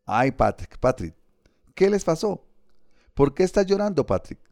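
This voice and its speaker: Male narrator playing a soft-spoken, devout young boy in an audiobook, lifted voice, dry sound. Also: fairly high pitch, sing-song, a little slow, creaky, no echo, pitched above the performer's own voice, exaggerated voice. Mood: gentle. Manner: polite, gentle. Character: gentle pious schoolboy, soft-spoken.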